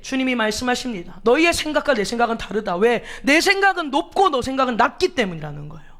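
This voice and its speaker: A woman's voice: on the high side, big pitch swings, fast, fairly bright tone. Emphatic woman pastor preaching. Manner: emphatic, asks the congregation rhetorical questions; acts out quoted pleas dramatically. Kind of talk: sermon.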